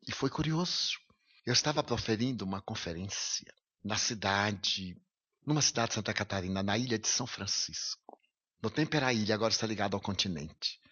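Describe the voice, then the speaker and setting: Husky man telling a moving story. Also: mid-range voice, a bit bright. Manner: emotional, vivid storytelling. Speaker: lecturer. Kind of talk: storytelling lecture. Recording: lo-fi radio recording.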